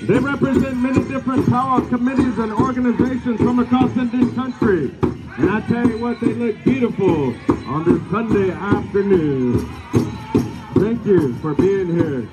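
A man's voice: very high voice, normal speed, rough recording. A man announcing live as master of ceremonies at an outdoor powwow, addressing dancers in a ceremonial manner over a PA. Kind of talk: live event announcing over drumming and singing. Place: large outdoor grass arena, picked up by spectator camera. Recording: outdoor PA behind loud music. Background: loud powwow music, jingling bells.

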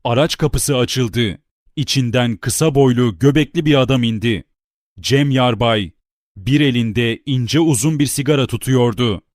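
A man reading a novel aloud as an audiobook narrator, in a steady, deliberate storytelling manner. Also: medium pitch, no room sound, studio quality.

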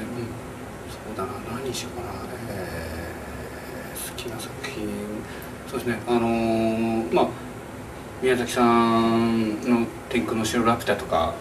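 A man in his forties, an animation director, answering interview questions thoughtfully with many pauses and fillers in a small press room. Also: fairly low pitch. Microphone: camera across the room. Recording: distant camera mic, faint noise.

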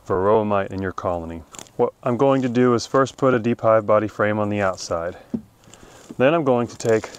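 Outdoors in a wooded yard, a middle-aged man who hosts a beekeeping channel explains hive chores in a plain, practical how-to demonstration. His voice is smooth and on the low side, picked up by a camera at medium distance.

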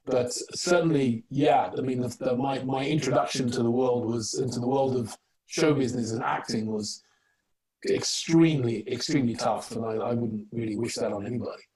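A middle-aged male actor speaks on a video-call panel from a home room with bookshelves, thoughtful and halting, often restarting his sentences. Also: medium pitch, darkish tone. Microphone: wired earbuds on a video call. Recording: roomy, distant video-call audio.

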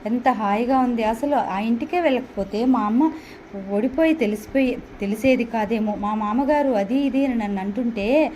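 A woman's voice: on the high side, moderate pace, dark tone, slight background noise, rough recording. Woman narrating a Telugu audio novel.

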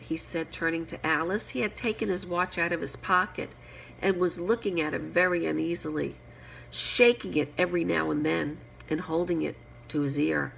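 A woman reading a children's story aloud, lively and giving each character a voice. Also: on the low side, vocal fry, a little hiss or hum, rough recording.

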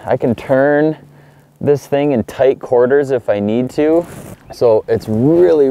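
A middle-aged man hosting a casual fishing tutorial from a kayak on a small lake, talking easily and breaking into excited exclamations. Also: mid-range voice. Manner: relaxed, upbeat, excited exclamations when fish bite. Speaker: fishing video host.

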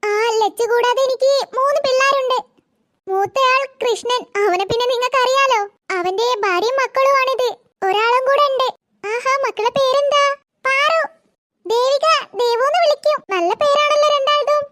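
A woman's voice: very high voice, normal speed, noisy background. A woman voicing a chatty grandmother in a cartoon, rambling about her family.

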